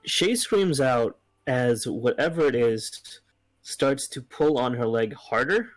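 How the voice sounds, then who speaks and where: A man running a tabletop game, unhurried and halting as he describes the scene. His pitch sits in the middle range. The sound is dry and close, with no room around it. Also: animated, no echo, low-quality recording. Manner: slow, hesitant narration with frequent ums. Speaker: game master.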